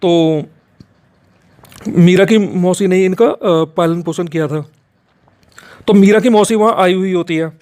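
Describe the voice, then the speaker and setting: A man's voice: high voice, unhurried, long pauses, a little mellow, no room sound. A man telling a horror story in casual spoken style, rambling with fillers and correcting himself as he goes.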